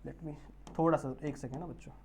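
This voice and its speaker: A man giving an online biology lecture. He keeps checking whether students understand, draws technical terms out slowly, and mixes English terms into his Hindi. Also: a little high, fairly even intonation, husky. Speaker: biology teacher.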